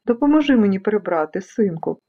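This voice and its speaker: A woman voicing a calm, reassuring mother in a children's storybook reading. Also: mid-range voice, brisk. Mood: gentle. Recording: dull lo-fi recording.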